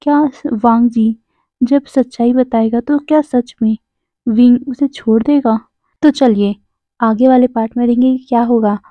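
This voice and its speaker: A woman's voice: a little high, steady tone, unhurried, dry recording. A woman narrating a fan story for viewers, rephrasing as she goes. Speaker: fanfiction narrator. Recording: tinny phone-like dry sound.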